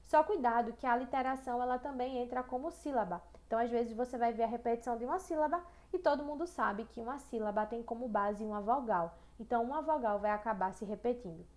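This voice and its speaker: Woman, Brazilian accent, online teacher, fairly high voice, chatty, keeps checking in with listeners. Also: darkish tone. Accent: Brazilian Portuguese. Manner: reads poems aloud slowly and rhythmically. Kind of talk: online lesson.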